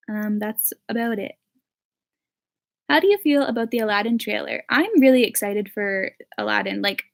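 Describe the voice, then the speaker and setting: A woman's voice: on the high side, gravelly, a little mellow. A young woman in her late teens answering viewer questions in a casual chat, with lots of "like" and "um" fillers. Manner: chatty, full of "like" and "um" fillers.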